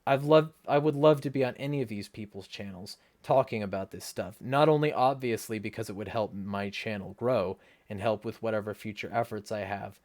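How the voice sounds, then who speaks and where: A man's voice: fairly low pitch, a little fast, hardly any pauses, darkish tone. Blunt, sweary male livestream ranter. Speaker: livestream host. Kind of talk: ranting livestream talk, reading viewer comments.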